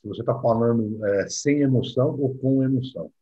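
A man from Brazil co-hosting a talk, speaking in a relaxed, agreeing way. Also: medium pitch, a little fast, husky. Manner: relaxed, agreeing, explains with assim and né. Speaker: co-host. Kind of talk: casual discussion. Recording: dull lo-fi audio.

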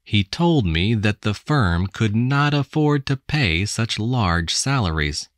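An American woman reading English textbook passages aloud with careful, deliberate enunciation. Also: rumbling low, lively intonation, no room sound, clean studio sound. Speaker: English text reader. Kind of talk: slow scripted textbook reading.

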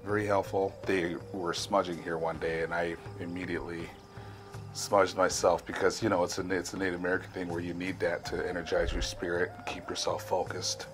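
A man's voice: low-pitched, flat delivery, a little fast, over music. A man patient speaking plainly in a documentary interview. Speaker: clinic patient.

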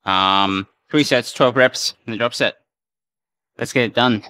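A man narrates his own workout, talking slowly and easily between sets. His voice sits at an ordinary middle pitch, and breathy sighs mark the pauses as he moves from one exercise to the next in an indoor gym. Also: bright, forceful tone, no room sound. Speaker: fitness vlogger.

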